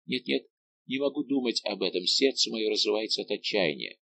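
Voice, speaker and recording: A man's voice: fairly low pitch, a little fast, vocal fry, bright, forceful tone, full character voice. A man reading an audiobook, voicing a young noblewoman who pleads with her royal lover in a passionate, pleading way.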